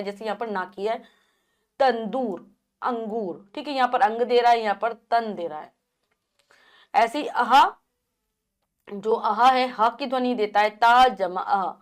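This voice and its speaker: A woman teaching a children's grammar lesson, patiently spelling out letters and asking and answering her own questions. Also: a little high.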